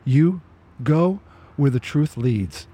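A man's voice: fairly high pitch, expressive, slow, warm tone, slightly rough. A man hosting a casual walk-and-talk podcast outdoors, talking in an opinionated, conversational way and often repeating words as he restarts. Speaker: podcast host.

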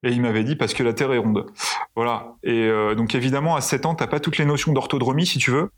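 A man's voice: medium pitch, steady tone, fast. A male pilot telling flight anecdotes in a casual interview, hesitant with many fillers and restarts. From France. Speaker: pilot guest.

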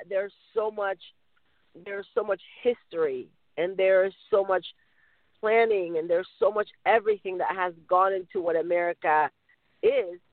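A man's voice: high-pitched, dry recording. A man from Mexico answering interview questions in an earnest way, often circling back to rephrase. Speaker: interview guest. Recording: dry, phone-like line.

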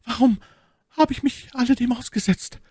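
A man's voice: very high voice, normal speed, dark tone, breathy edge, voice pushed up. A man doing a tearful young maid. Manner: stammering, plaintive.

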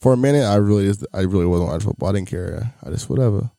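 A man's voice: lowish voice, racing, gravelly, warm tone, no room sound, clean studio sound. A man co-hosting a casual sports podcast, talking in a laid-back, slangy bro manner with some swearing. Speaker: podcast co-host.

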